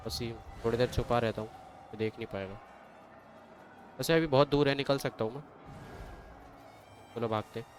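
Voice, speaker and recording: Casual excitable male let's-play commentator, mid pitch, game music faint behind. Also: moderate pace, pauses often. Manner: excitable, chatty. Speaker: gamer.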